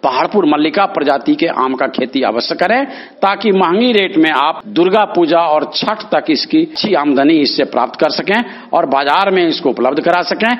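Earnest middle-aged farmer, muffled. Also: male voice, on the high side, lively intonation, moderate pace. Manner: earnest, formal appeal to fellow farmers. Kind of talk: interview answers. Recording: muffled lo-fi audio.

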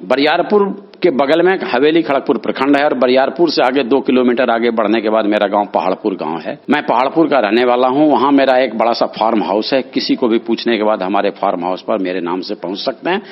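A middle-aged farmer, earnestly answering interview questions and formally appealing to fellow farmers. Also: male voice, mid-range voice, expressive, a little fast. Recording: muffled lo-fi audio.

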